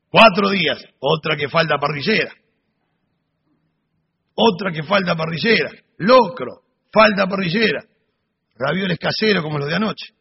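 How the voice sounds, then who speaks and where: Guy preaching sunday school, husky and high, dull echoey hall sound. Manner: animated storytelling with humorous asides. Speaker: Bible teacher. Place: church hall. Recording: dull recording in a reverberant hall.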